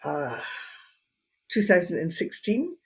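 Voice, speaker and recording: As a casual interview guest, a hypnotherapist and end-of-life doula, an older Edinburgh woman speaks slowly and calmly, pausing often. Her lowish voice has a breathy edge, and her Scottish accent is tinged with Australian.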